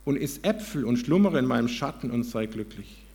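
A man's voice: mid-range voice, animated, fairly quick, darkish tone, big-room sound, close to an everyday voice. A man voicing a tender, selfless old apple tree. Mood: coaxing. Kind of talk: storybook reading.

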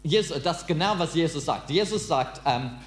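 A man whose first language is English, preaching in halting, broken German and quizzing his listeners. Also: on the high side, lively intonation. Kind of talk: interactive sermon. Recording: roomy with mains hum.

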